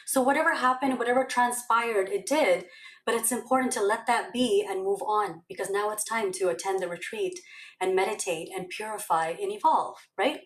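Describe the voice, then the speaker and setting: A woman's voice: medium pitch, moderate pace. Woman, meditation teacher, casual storytelling tone, echoey room. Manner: chatty, many fillers and "okay? right?" check-ins. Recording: roomy echo.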